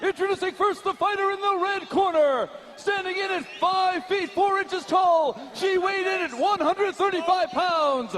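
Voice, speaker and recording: A man announcing fighters in the cage with a booming, drawn-out delivery. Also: fairly bright tone. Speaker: ring announcer. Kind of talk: ring announcing.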